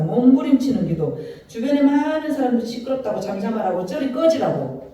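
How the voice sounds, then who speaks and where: A man's voice: extremely high pitch, mellow, lo-fi sound. A man preaching a passionate sermon as pastor, acting out the lines of biblical figures. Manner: impassioned preaching that acts out biblical speakers. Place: church sanctuary. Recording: very echoey church hall from a distant mic.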